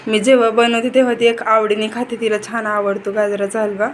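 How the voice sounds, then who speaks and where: A woman's voice: on the high side, level tone, a little fast. A young woman, chatting casually to the camera in a home vlog as she looks after her children. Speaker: vlogger. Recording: noisy home recording.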